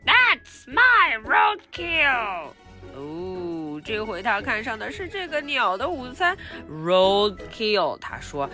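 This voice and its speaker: Storyteller, young woman, unhurried, playful, swooping up and down, reads then explains for children. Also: mid-range voice, very animated, a bit bright, faint music behind. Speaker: picture-book reader for children. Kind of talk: bilingual storybook read-aloud.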